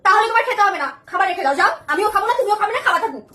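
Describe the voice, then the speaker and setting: A woman's voice: very high-pitched, animated, rapid-fire, far from the mic, crowd noise. A woman playing a sulking, touchy young wife who complains and pities herself in a comic sketch. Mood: indignant. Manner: huffy, complaining, melodramatic. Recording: echoey room, off mic, background noise.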